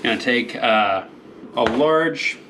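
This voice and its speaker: A man hosting a cooking demonstration, rambling through crude deadpan jokes and slurring a little from drinking. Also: mid-range voice, slow pace, slight background noise. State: a little tipsy, slurring slightly. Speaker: cooking show host.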